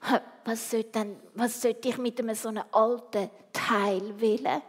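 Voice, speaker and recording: A woman's voice: on the high side, fairly even intonation, unhurried, slightly rough, in a large hall. A woman doing a cheeky boy mouse.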